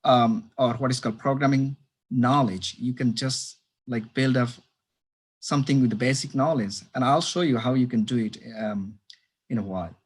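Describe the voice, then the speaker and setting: A man from Bangladesh giving an online presentation as a librarian over a video call, halting with many fillers and restarts. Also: medium pitch, slightly rough. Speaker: librarian giving a webinar talk.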